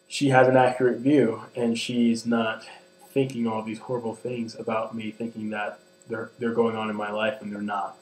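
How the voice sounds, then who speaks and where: A man's voice: mid-range voice, darkish tone. A man in his twenties speaking in a personal vlog, earnest and hesitant, with many ums and restarts. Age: 20s. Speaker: vlogger. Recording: echoey room with mains hum.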